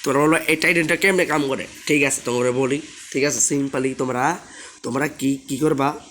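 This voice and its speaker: A young man, hoarse from a sore throat, chatting casually as he plays a game and keeps asking viewers to subscribe. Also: medium pitch, steady tone, fairly quick, a bit bright, slight background noise. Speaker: gaming channel host. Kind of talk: casual gameplay commentary.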